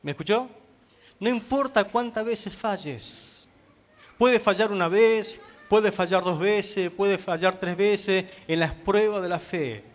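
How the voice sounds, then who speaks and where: A man's voice: high-pitched, slow pace. A man pastor preaching a sermon, emphatic, asking the congregation rhetorical questions.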